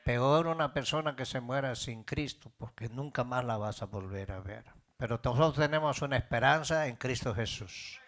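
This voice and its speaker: A man's voice: mid-range voice, normal speed, fairly bright tone. A middle-aged man preaching a sermon as pastor, building in fervor and calling out questions to his congregation.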